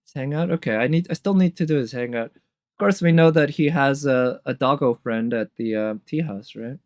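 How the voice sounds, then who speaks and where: This man streams live reactions to game trailers, thinking out loud off the cuff and occasionally humming along. His mid-range, slightly mellow voice runs at normal speed on a dry, studio-quality recording, with guitar-driven trailer music in the background.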